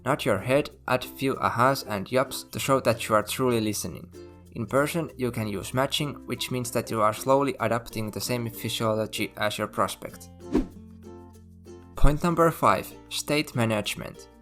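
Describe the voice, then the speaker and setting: A man narrates a scripted explainer in a steady voice of ordinary pitch. He moves through numbered points at an even, explanatory pace. Faint music plays quietly underneath him. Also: normal speed. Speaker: channel host. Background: faint background music.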